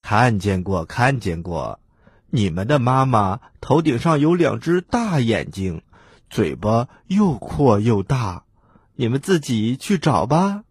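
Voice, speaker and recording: A man voicing a kind mother duck in a children's story, speaking gently. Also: sing-song, slow pace, husky, no room sound, clean studio sound, heavily acted. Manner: gentle, lowered voice. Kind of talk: storybook role-play.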